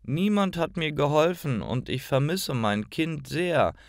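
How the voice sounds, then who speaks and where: A man voicing a sad, homeless young mother who speaks quietly and sorrowfully. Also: fairly high pitch, animated, unhurried, gravelly, no echo, studio quality, pitched above the performer's own voice.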